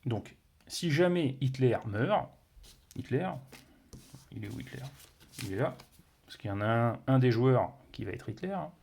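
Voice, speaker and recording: A man's voice: mid-range voice, expressive, a little slow, gravelly, pauses often, a little mellow, husky. A man reviewing a board game, explaining its rules casually with many fillers, restarts and playful sound words. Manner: hesitant, many fillers and self-corrections.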